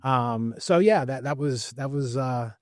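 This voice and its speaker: A man's voice: medium pitch, unhurried, no echo, studio quality. A man in his forties with a Central Pennsylvania accent, a guest coach reflecting in a podcast interview, with many fillers and repeated words. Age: 40s. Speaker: guest, wrestling coach and teacher. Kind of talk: conversational interview.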